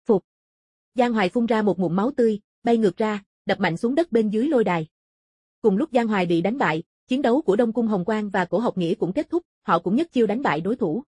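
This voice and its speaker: Woman reading a fantasy audiobook, husky mellow voice, super dry close sound. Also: mid-range voice, animated, fast talker, no room sound. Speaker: audiobook narrator. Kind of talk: scripted narration of a fantasy martial-arts novel.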